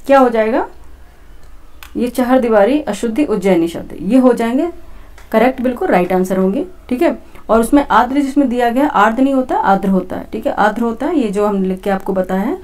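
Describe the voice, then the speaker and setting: In this exam-prep lesson, the teacher's voice is mid-range and dark. She explains exam questions to her students one step at a time, repeating points and frequently saying "theek hai" (okay).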